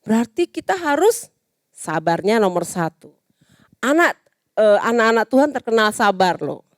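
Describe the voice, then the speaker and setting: A young Indonesian woman teaching a children's church lesson, patient and animated as she talks to little kids. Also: a little high, normal speed, no room sound, studio quality. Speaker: Sunday school teacher.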